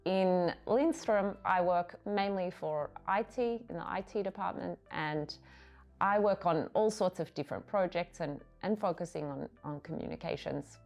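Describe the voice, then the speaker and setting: A woman with an Australian accent, speaking in a friendly, steady way in a corporate interview. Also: fairly low pitch, moderate pace, gravelly. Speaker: IT project specialist. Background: soft music.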